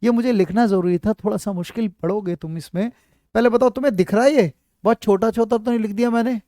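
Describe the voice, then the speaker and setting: Man teaching Hindi letters, dark voice. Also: high voice, fast, dry recording, clean studio sound. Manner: repetitive, checks often that students follow; addresses students fondly as child. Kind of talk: live online class, explaining at a board.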